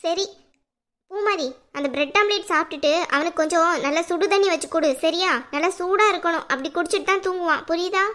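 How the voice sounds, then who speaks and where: A fierce, fed-up young wife in a cartoon, voiced by a woman. She talks back sharply with a sarcastic edge, in a very high, bright voice. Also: fairly quick. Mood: defiant. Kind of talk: cartoon voice acting.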